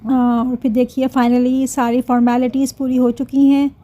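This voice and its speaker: A woman's voice: high voice, flat delivery, normal speed, mellow. A woman, narrating her family vlog chattily and talking to her viewers. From Pakistan. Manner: chatty, laughs often, addresses viewers. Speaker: vlogger.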